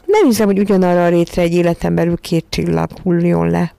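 A woman's voice: on the low side, fairly even intonation, creaky, dark tone, no echo. A woman reading a storybook aloud, voicing a mother who gives advice in an emphatic, raised voice.

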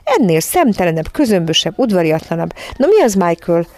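A woman's voice: fairly low pitch, big pitch swings, a little mellow, no room sound, studio quality. A woman voicing an indignant middle-aged mother who rants in exasperation in a storybook reading. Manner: exasperated, ranting.

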